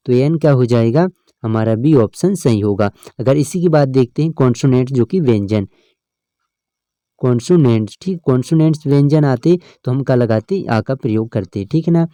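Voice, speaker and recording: A man's voice: mid-range voice, dark tone, dry recording. A male teacher, explaining an English grammar lesson step by step and often checking in with his students. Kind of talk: exam-prep lesson.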